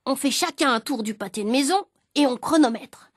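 A woman reading aloud gives voice to a cocky middle-aged father, always bragging and quick to bicker. His voice sits lower and quieter than her storytelling, with a teasing edge. The sound is close and dry, with no room around it. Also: lively intonation, dry recording. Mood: boastful, bickering.

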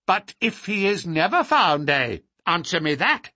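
A man voicing a querulous, miserly little old lord with a sharp crackle and a quick, intense manner. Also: sits high, very animated, no room sound, clean studio sound, pitched above the performer's own voice, exaggerated voice. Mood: indignant, shrill.

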